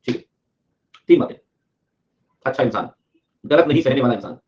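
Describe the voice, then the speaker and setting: A man teaching a live class online, moving between explanation and quick repetition of key points. His pitch sits in an ordinary middle range. The audio has a slightly dull, lo-fi quality. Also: lively intonation. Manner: repetitive, drills points, reads student comments aloud.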